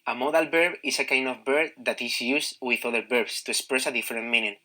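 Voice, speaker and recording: A man reading a scripted grammar lesson in a slow, measured way. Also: mid-range voice, fairly even intonation, pushed and bright, poor audio.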